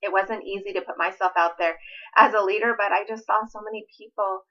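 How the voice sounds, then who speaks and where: A woman's voice: mid-range voice, fairly even intonation, a little fast. Earnest woman relationship coach, lo-fi. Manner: earnest and heartfelt, with a gentle pleading tone. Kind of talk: personal vlog talk to camera.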